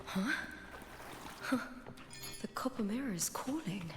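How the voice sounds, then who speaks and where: An actress voicing a calm, determined young woman explorer in a game, speaking quietly as if thinking aloud. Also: medium pitch, takes it slowly, creaky, echoey room, music in the background. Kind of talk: game voice acting.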